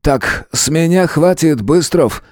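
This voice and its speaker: A mocking police chief who sneers at every theory, his voice climbing high and swinging widely, as a male audiobook reader puts him on. The tone is dark and mellow, and the recording is close and dry with no room sound. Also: expressive, slow, dry recording. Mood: angry. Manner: mocking, sharp-tongued. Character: sarcastic, dismissive male police department chief. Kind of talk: audiobook character voice.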